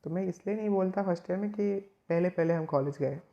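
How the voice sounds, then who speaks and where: A man's voice: high voice, fast, lo-fi sound. A man from West Bengal, a chemistry tutor giving casual, rambling study advice to students, with frequent restarts. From West Bengal, India.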